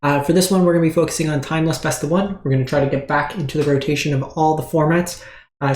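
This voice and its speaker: A man hosts a casual game meta breakdown, speaking at an ordinary pitch with plenty of fillers and self-corrections. He is still short of breath. His voice carries a noticeable room echo. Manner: relaxed, filler-heavy, frequent restarts. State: short of breath after surgery. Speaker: host.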